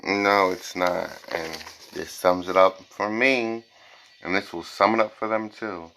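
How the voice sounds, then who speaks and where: The rough recording, with a little hiss or hum, captures a tarot and psychic reader hosting an informal, improvised session for viewers. His low-pitched voice is steady, measured and sharp, and he's blunt and emphatic, repeating phrases and swearing at times.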